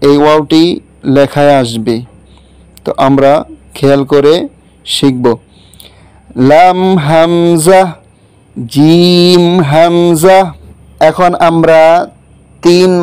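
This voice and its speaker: A man teaching Quran letters, spelling them out slowly and deliberately one by one. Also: on the high side, fairly even intonation, a little mellow, clean tone, no echo, poor audio. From Bangladesh. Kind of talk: Quran letter recitation lesson.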